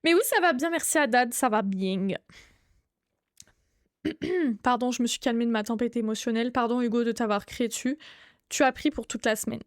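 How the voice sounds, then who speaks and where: A young woman streaming live, chatting casually with her viewers, greeting them by name and breaking into excited outbursts. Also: a little high, normal speed, pauses often, dry recording, clean studio sound.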